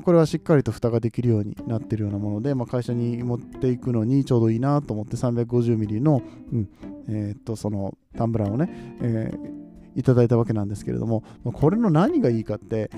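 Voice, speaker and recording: A man from Nagoya, Japan, hosting his podcast in a relaxed, chatty way, often chuckling and asking listeners questions. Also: mid-range voice, fast, over music. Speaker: podcast host. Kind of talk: casual solo chat.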